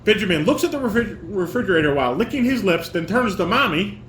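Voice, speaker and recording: A man coaches a home table read in a high, swooping, somewhat bright voice, lively in intonation and quick in pace. He alternates instructions with reading stage directions aloud, repeating and correcting lines. Roomy echo and fan and air-conditioner hum fill the recording.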